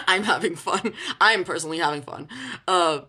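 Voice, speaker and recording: A woman live streamer chatting and reacting to her audience, excitable and often bursting into squealing laughter. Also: lowish voice, normal speed.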